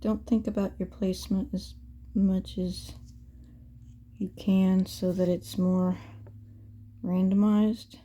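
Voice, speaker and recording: Female craft tutorial host, informal and hands-on, husky with a soft dark tone, talking through the work. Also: mid-range voice, level tone, slow pace, long pauses. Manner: informal, thinking aloud while working.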